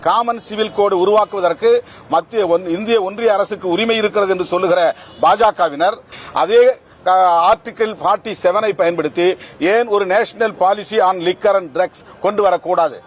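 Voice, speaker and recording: A man's voice: high-pitched, moderate pace. A man giving a political speech, emphatic and repeating his points.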